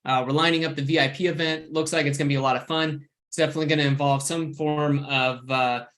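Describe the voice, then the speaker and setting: Man in a slightly high register, easygoing co-host running announcements. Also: fast talker. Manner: relaxed, filler-heavy announcer. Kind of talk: casual webinar chat.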